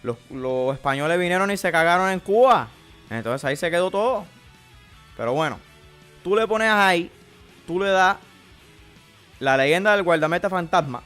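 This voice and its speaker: A streamer puts on the voice of a joking, slangy Miami guy with a thick Cuban Spanish accent, crude and casual as he goes through his cards in playful game commentary. The fairly high, fairly bright voice is expressive, moving at a moderate pace with frequent pauses. Faint guitar music plays in the background.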